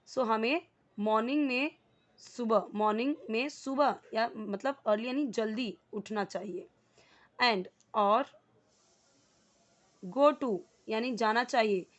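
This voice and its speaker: With an Indian accent and a slightly high voice, a woman teaches a spoken English lesson, going slowly and repeating words and their meanings. The audio has its highs cut off.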